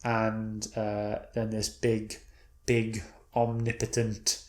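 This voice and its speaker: A man with a lowish voice talks slowly and completely flatly in an echoey room. During a casual read-and-review chat about a comic book, his retelling of the plot meanders, and he frequently corrects himself partway through sentences.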